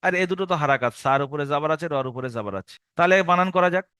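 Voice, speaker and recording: A man's voice: on the high side, rapid-fire, sharp tone, smooth, dry recording, studio quality. A man teaching Quran reading to adults in a recorded lesson. He patiently repeats each rule for learners to memorize and draws out the syllables as he spells them.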